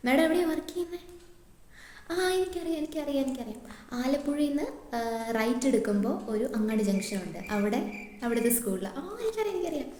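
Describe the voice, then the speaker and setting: A woman's voice: sits high, animated, fast, warm tone. A woman playing a chatty, nosy class teacher at a parents' meeting who repeats herself a lot, in a comic sketch monologue. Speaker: comedy sketch performer. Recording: echoey room, faint noise.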